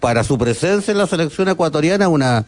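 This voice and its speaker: A man's voice: a little high, lively intonation, fast, faint music behind. A man on a sports panel, explaining his view in a thoughtful, casual way.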